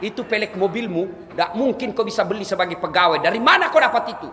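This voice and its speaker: A stern angel interrogates with sharp, demanding questions, as a male preacher puts him on. The voice rises high and pointed. Long hall reverb surrounds it. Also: lively intonation, quick pace. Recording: reverberant hall, faint ambience.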